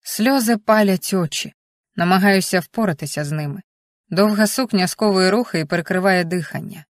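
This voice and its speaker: A young adult woman narrating a romance audiobook with an expressive, emotional reading. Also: mid-range voice, no room sound, clean studio sound. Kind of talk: scripted narration.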